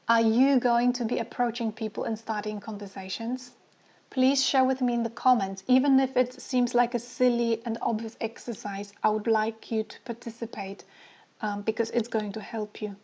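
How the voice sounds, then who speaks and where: Higher-voiced woman coaching in questions. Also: darkish tone, dull audio. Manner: asks many rhetorical questions and repeats phrases. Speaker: dating coach. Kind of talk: live online coaching session.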